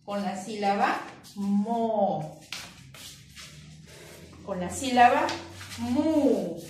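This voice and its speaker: A Peruvian woman teaching syllables to small children, drawing words out slowly and praising often. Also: medium pitch, a little mellow, distant mic, faint music behind. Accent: Peruvian Spanish. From Peru. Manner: slow, drawn-out syllables, encouraging praise. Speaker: preschool teacher. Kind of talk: remote lesson for young children. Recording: echoey room, voice from off-mic with faint noise.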